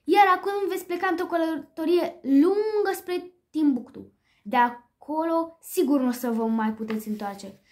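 A woman's voice: sits high, lively intonation, few pauses, darkish tone. A woman voicing a scheming male butler who sounds falsely cheerful and mocking, in a read-aloud storybook. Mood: fake cheer.

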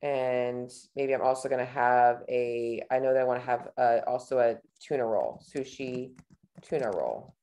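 Woman, 30s, low voice, casual coach, thinking aloud, webcam tutorial. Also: moderate pace, dark tone. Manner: casual, chatty, thinks aloud while clicking. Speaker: nutrition coach. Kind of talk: screen-share tutorial.

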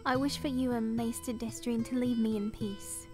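A woman's voice: on the high side, steady tone, moderate pace, over music, natural voice. A woman playing a sickly young princess. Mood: gentle. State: coughing, sickly. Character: young gravely ill princess, gentle and weary. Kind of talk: audio drama acting.

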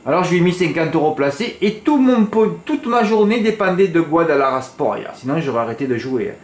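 This man's voice sits on the high side, expressive and fairly quick, with a roomy sound. Chatting casually to viewers about horse racing tips, he sprinkles in "hein" and other tag words and now and then bursts into exasperated ranting.

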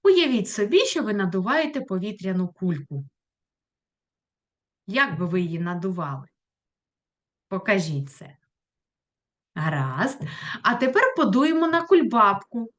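A woman teaching a primary school lesson, talking to children in a clear, patient voice and asking questions as she goes. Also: mid-range voice, big pitch swings, a little slow, pauses often, fairly bright tone. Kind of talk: recorded online lesson for children.

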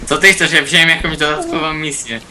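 A man's voice: a little high, steady tone, brisk, heavy background noise. A man in casual gaming chat, joking around with a mock-formal announcer tone. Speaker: gamer.

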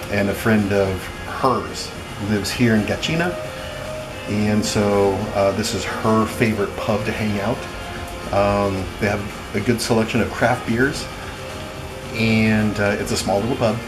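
Middle-aged guy vlogging from a little pub, slow easygoing talk, lots of uhs, loud music going behind. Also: on the low side, low-quality recording. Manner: relaxed, rambling, with many ums and uhs. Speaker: travel vlogger. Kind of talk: casual travel vlog. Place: small indoor pub. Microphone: handheld camera at arm's length.

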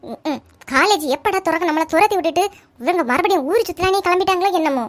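A sulky, snappish college girl in a cartoon comedy, as a woman voices her, with a Kanyakumari Tamil accent. She grumbles and snaps sarcastically in a high voice. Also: fast talker. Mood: grumbling. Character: grumpy college girl bickering with her sister.

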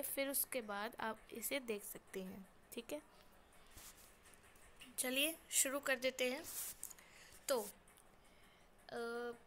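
A ninth-grade schoolgirl hosting a beginner's language lesson, sounding out each letter and syllable slowly for learners. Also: sits high, a bit bright, a little hiss or hum. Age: teenager, ninth-grade student. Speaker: channel host teaching Hindi letters. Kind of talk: spelling out words syllable by syllable for learners.

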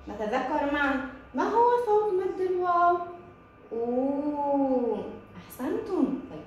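A woman teaching a distance-learning Arabic lesson to young children, in slow, sing-song teacher talk with lots of praise and English words mixed in. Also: high-pitched, muffled recording, a little hiss or hum. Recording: very echoey room with faint ambience.

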